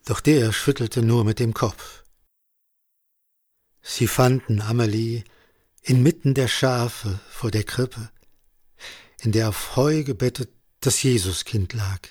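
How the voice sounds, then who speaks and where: A man reading a story aloud in a calm, measured narration. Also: medium pitch, slightly rough, no echo, studio quality.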